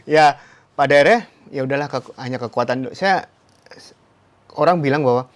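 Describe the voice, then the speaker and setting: A man telling his story as an interview guest, animated, often breaking into sudden high exclamations and ending phrases with a polite "Mas". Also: a little fast. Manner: tags sentences with "Mas". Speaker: interview guest, stroke survivor.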